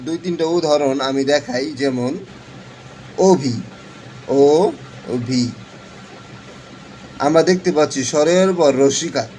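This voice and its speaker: Guy teaching online, kinda high voice, slow, repeats himself a lot, bit of background noise. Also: a little mellow, rough recording. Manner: slow, repetitive explaining with frequent fillers. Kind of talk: online Bangla pronunciation lesson.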